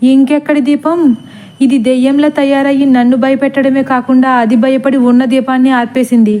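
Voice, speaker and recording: A cranky old grandmother barks scolding questions at her servant, as a female narrator voices her. The voice sits high but dark and mellow in tone. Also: little pitch movement, moderate pace, close to an everyday voice. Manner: scolding, snappish. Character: irritable bossy elderly grandmother.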